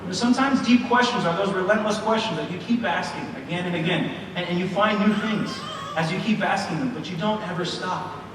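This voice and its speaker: A preacher in his thirties gives a sermon in a large church hall, telling a personal story full of fillers and restarts. His voice sits high and his pace is brisk. The recording is echoey, picked up from far off, with background noise.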